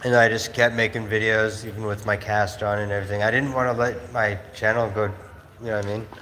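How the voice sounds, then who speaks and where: Casual male streamer, lowish voice, rambling storyteller, reverberant room, faint hiss. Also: flat delivery, fast, pushed and bright. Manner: rambling, laughing storyteller with many fillers. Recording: roomy space with faint noise.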